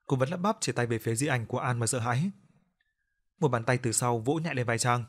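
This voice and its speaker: A man narrating a horror story in a measured, scripted storytelling manner. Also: medium pitch.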